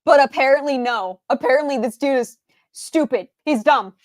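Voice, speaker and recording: A young adult woman streamer gives heated commentary on a game. She is exasperated and blunt, and she swears freely, with a high-pitched voice. The sound is close and dry, with no echo. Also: normal speed.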